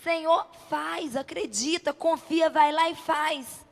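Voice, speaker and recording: Her voice is high, steady in tone, slow and creaky: a Brazilian woman preacher giving a fervent, emphatic sermon to a church congregation. She drives each point with rhetorical questions and repeated short phrases, heard through reverberant hall amplification.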